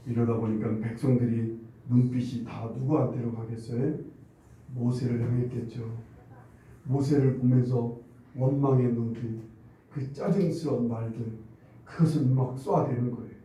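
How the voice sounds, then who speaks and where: In a church sanctuary, a male pastor preaches a sermon, retelling a Bible story and voicing the grumbling crowd in quotes. His medium-pitched, dark voice keeps a fairly even intonation at normal speed, picked up by a distant mic in a very echoey hall.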